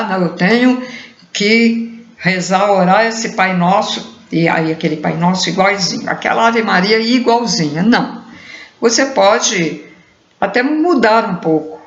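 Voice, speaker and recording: A woman giving an unhurried spiritual talk, musing aloud and often trailing off with a questioning "né". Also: mid-range voice. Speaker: spiritual teacher. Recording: roomy, dull lo-fi recording.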